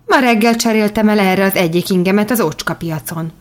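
A woman's voice: medium pitch, lightly acted. A woman reading an audiobook and voicing a poor, kind-hearted teenage boy who likes to tease, with a playful delivery. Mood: earnest. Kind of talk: audiobook character voice.

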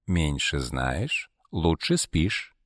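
A man voicing a cold, hushed fortune-teller woman. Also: rumbling low, sing-song, no room sound, clean studio sound, full character voice. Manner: quiet, slow, ominous. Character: cold secretive grown woman fortune-teller, small, reclusive.

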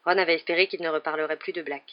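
A woman narrating an audiobook in a measured storytelling manner. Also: low-pitched, fairly even intonation, dry recording, muffled recording. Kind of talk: scripted narration.

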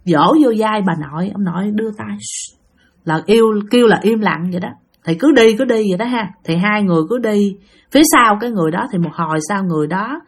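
A woman's voice: mid-range voice, slightly rough. A woman with a Southern Vietnamese accent telling ghost stories in a casual, chatty way, often speaking straight to her listeners. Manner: chatty, addresses listeners directly. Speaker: storyteller host. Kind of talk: casual spoken ghost-story narration.

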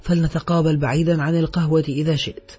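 A man's voice: a little high, flat delivery, quick pace, husky. A man narrating a novel, voicing a male café owner who apologizes and warns with caution. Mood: cautious. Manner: apologetic, warning. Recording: dull audio with soft background music.

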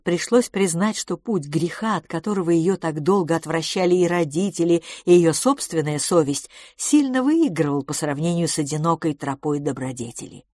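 A woman narrating an audiobook in a measured, expressive reading style. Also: sits low, dry recording, studio quality. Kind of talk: scripted narration.

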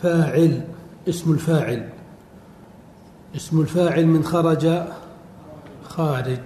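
A man teaching a classroom lecture, drawing out words slowly and quizzing his students. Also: on the high side, dark tone. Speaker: teacher of Arabic morphology. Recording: echoey hall with faint noise.

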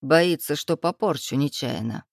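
A woman's voice: low-pitched, animated, unhurried, creaky, no echo, studio quality, pitched below the performer's own voice, heavily acted. A woman voicing a mocking young male thug who teases with a smug, drawling manner.

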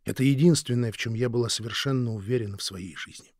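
A man voicing a gentle, weak young mother who speaks softly and tenderly, often almost in a whisper. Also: mid-range voice, fast, no room sound, studio quality, close to an everyday voice. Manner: soft, tender, fading to whispers. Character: gentle, frail young mother near death.

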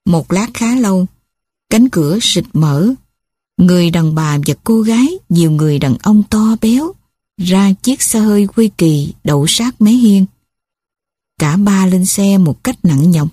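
A woman narrating an audiobook story in a measured, steady reading. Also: mid-range voice, slightly rough, no room sound, clean studio sound. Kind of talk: scripted narration.

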